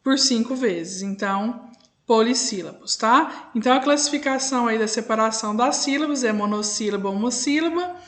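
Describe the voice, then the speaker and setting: A woman's voice: a little high, moderate pace. A woman schoolteacher giving an online lesson to young pupils, patiently drawing out syllables and checking in often. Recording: echoey room.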